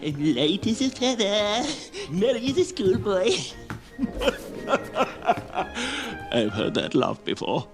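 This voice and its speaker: An actor playing a giddy, reformed old miser who cackles and giggles breathlessly in a film. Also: male voice, sits high, sing-song, takes it slowly, pauses often, over music, exaggerated voice. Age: older. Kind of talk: film acting. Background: film score.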